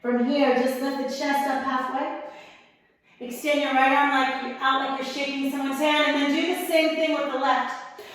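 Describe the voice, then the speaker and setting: A woman with a high voice leads a yoga class, her calm cues a little breathless because she holds each pose herself. She sounds set back from the mic, and her voice rings through a very echoey room with a long reverb tail. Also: moderate pace, recorded from a distance. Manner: calm, encouraging cues while holding poses herself. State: slightly strained breath while in poses. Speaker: yoga instructor. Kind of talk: guided yoga class instruction.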